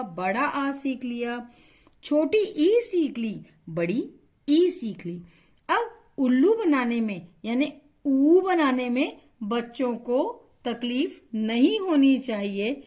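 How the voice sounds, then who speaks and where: A woman's voice: high-pitched, darkish tone. A woman teaching how to write and pronounce vowels, asking questions and answering them herself, and stretching the sounds to show them. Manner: slow, patient, asks questions then answers them; stretches vowels to model pronunciation. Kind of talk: instructional lesson.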